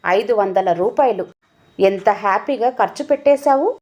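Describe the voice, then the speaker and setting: A woman's voice: mid-range voice, moderate pace, darkish tone, dull audio, close to an everyday voice. A woman voicing an angry, scornful husband who scolds and mocks his wife. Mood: scolding. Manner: scolding, mocking.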